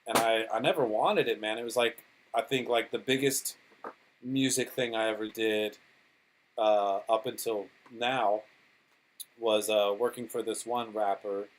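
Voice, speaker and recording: A man's voice: on the low side, fairly even intonation, measured pace, poor audio. A man talking casually as a podcast guest, a DJ and producer who rambles through stories and swears freely. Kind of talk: casual interview chat.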